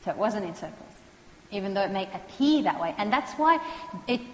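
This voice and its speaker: A woman, calmly explaining counselling skills to students and acting out what clients say. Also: medium pitch. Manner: calm, measured, acts out client quotes. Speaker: counselling lecturer. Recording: echoey hall, faint noise.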